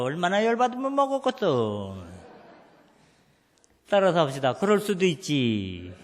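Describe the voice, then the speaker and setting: A middle-aged pastor, preaching a folksy sermon and acting out scolding family scenes. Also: male voice, high voice, fairly bright tone. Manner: acts out scolding voices, calls for the congregation to repeat after him. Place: church sanctuary. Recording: long church hall reverb.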